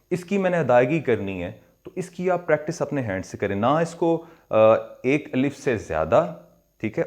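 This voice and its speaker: Man teaching recitation, repeating drawn-out sounds. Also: mid-range voice, darkish tone. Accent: Pakistani. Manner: explains step by step, drawing out and repeating sounds, mixing in English words. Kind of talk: pronunciation lesson.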